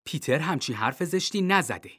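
A man's voice: fairly high pitch, expressive, fairly bright tone, breathy edge. A man voicing a fussy mother who snaps at one son and coos at the other in a storybook reading. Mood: scolding.

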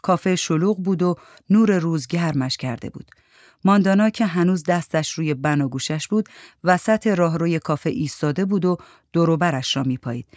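Woman narrator, literary story reading, steady, lowish voice, dry close sound. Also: dry recording.

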